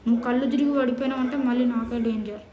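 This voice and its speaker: Comedy skit lead: a woman with a high voice, animated and bossy, recorded in an echoey room. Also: very fast, muffled recording. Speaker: comedy sketch performer. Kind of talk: comic skit dialogue.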